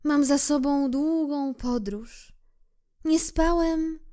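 Lady doing a timid little prince boy, high and shy, slow. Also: warm tone. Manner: timid and bashful.

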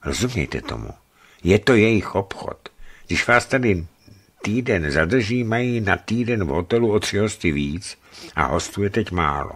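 A man's voice: lowish voice, lively intonation, a bit bright, slightly rough, heavily acted. A man voicing a blunt, confident veteran ex-legion sergeant turned trader in a radio book reading. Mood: confiding.

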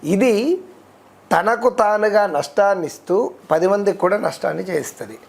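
A man, a devotional guest explaining worship rules in a steady, teacherly way, listing terms one by one. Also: high-pitched, normal speed, vocal fry. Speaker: devotional guest speaker on ritual. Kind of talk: explanatory interview talk.

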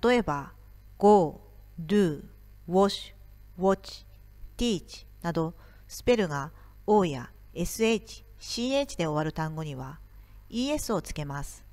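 A woman teacher giving a recorded video lesson, explaining grammar slowly and carefully. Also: low voice, sing-song, darkish tone, dry recording.

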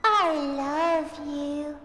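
A woman voicing a creepy, sugary little-girl toy doll in a video game, slow, clingy and childlike. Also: sits high, sharp tone, echoey room, big-room sound, soft background music, exaggerated voice. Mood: sweet, needy. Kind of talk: video game character acting.

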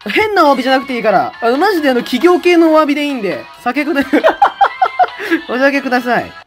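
A woman streaming a game in casual commentary, loud and laughing a lot, with rough boyish talk. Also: high-pitched, very animated, fast talker, soft background music.

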